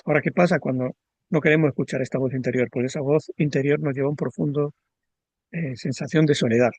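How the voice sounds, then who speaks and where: A man talks through ideas in a calm, measured interview voice, often pausing to repeat himself and check in with a quick tag question. His voice sits in an ordinary middle range. The recording is dry and close, with almost no room sound. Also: mid-range voice, dry recording. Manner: measured, repeats words and tags "¿no?". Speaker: astrologer. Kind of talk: reflective explanatory conversation.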